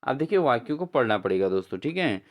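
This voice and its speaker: A man's voice: medium pitch, sing-song, quick pace. A man teaching an exam-prep grammar lesson, asking his own questions and answering them, with repeated friendly address to viewers. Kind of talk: lesson explaining quiz answers.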